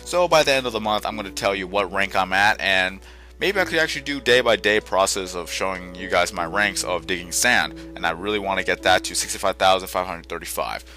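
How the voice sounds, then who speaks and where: Short on sleep, this young man hosts a gaming channel and drifts through casual gameplay chatter, frequently restarting and correcting himself. He speaks softly and quietly in a deep, expressive voice, a little fast, with faint game music in the background.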